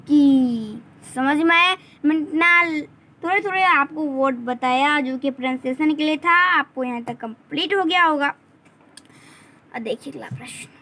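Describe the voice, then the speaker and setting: A woman teaching English, reading sentences slowly and deliberately, then explaining them. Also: high voice, fairly bright tone, rough recording. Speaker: English tutor. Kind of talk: bilingual classroom explanation.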